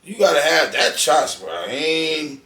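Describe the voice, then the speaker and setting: A man's voice: a little high, big pitch swings, takes it slowly, pushed and bright, far from the mic. A man speaking as a podcast guest, telling blunt, profane stories and acting out quotes in casual conversation. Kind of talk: casual interview chat. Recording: echoey room, off-mic.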